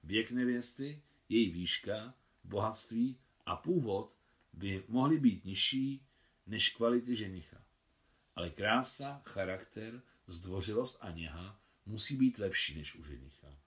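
A man reading aloud, voicing a self-assured young woman doctor who talks in a playful, gently mocking way. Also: on the low side, expressive. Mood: teasing.

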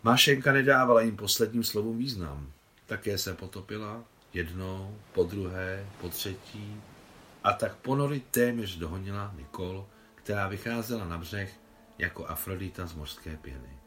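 Low-voiced man reading a novel aloud. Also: fairly bright tone, a little hiss or hum. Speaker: translator reading his translation. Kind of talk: audiobook reading.

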